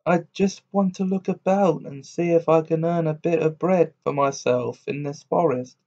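A man's voice: fairly high pitch, steady tone, slow pace, darkish tone. A man voicing a boastful, cheeky tailor in a storybook reading, with a cocky, bragging manner. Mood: meek. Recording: dull lo-fi recording.

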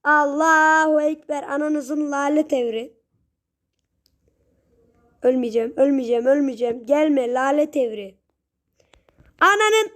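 A young woman giving casual gameplay commentary, chatty with her viewers and prone to sudden shrieks and yells at the game. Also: high-pitched, steady tone, measured pace, pauses often. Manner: chatty, talks straight to viewers. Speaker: gaming channel host.

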